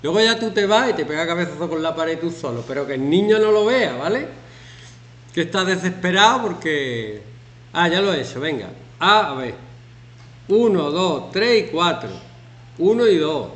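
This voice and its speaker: The recording comes from an echoey classroom with faint background noise, where a man in his fifties teaches a class activity. His voice is a little high and moderately paced, and he jokes, chats lively, and acts out shouting examples.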